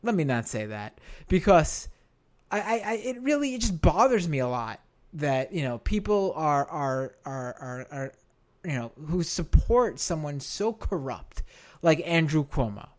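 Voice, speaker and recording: An American man with a hoarse, worn-out voice hosts a live stream, talking casually and haltingly, repeating phrases for emphasis. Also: on the high side, sing-song. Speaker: live stream show host.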